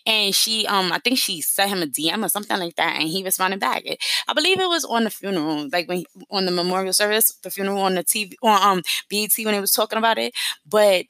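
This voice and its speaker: Gravelly, bright-voiced New woman. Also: mid-range voice, no echo. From New York. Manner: rambling, slangy, fast talking. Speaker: podcast host. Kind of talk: casual podcast monologue.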